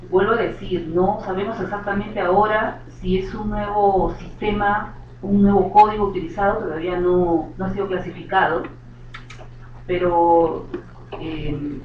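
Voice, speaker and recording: A woman with a Peruvian Spanish accent explains her point at a university seminar, pausing and restarting as she builds it. She is heard from a distance in a very echoey auditorium, and the sound is muffled and slightly lo-fi. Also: medium pitch, noisy background. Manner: measured, explanatory, with pauses and restarts. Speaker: seminar speaker. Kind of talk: answering questions at a seminar.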